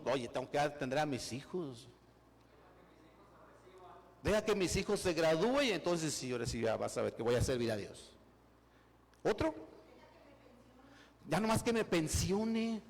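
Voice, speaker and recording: A man preaching a sermon, acting out people's excuses and building to loud, emphatic preaching. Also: fairly high pitch, in a large hall. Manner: acts out excuses in quoted voices, rises to loud emphatic preaching. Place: church hall.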